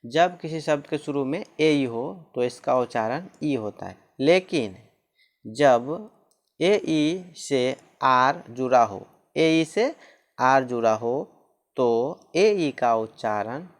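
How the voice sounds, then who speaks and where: A male teacher explains pronunciation rules at an unhurried pace. He repeats each rule more than once and spells example words letter by letter. His voice sits at an ordinary middle pitch. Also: lively intonation. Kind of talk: spoken lesson on pronunciation rules.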